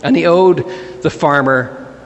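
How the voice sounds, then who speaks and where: A man voicing a teasing male storyteller who delivers a joke with a deadpan manner. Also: a little high, takes it slowly, big-room sound, dull audio.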